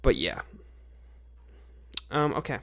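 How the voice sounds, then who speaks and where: Male podcast host, young adult, medium pitch, informal and rambling, feels unscripted. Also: very animated, gravelly. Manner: rambling, with frequent pauses to think. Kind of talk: casual unscripted podcast commentary.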